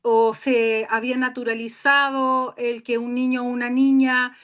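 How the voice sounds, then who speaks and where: Woman, high voice, tired, shrill, emphatic, video call. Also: flat delivery, measured pace, a bit bright, clear, resonant tone. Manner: passionate, emphatic, with fillers. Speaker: guest speaker. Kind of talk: webinar talk.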